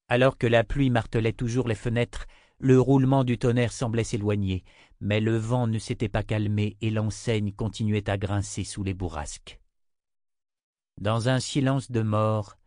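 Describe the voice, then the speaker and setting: A man with a lowish voice narrates a novel in a measured, steady way. The recording is dry and close, with no room sound. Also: no echo. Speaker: audiobook narrator. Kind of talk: scripted narration.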